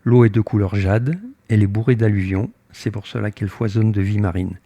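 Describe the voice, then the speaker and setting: An older man tells the story of his own voyage at sea, acting out his side of a tense exchange with lively emphasis. His voice is mellow and relaxed, and the recording is close and dry. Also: on the low side, a little fast, no echo, muffled recording. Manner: animated, acts out his own heated dialogue. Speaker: sailboat captain recounting his voyage. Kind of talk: casual spoken storytelling.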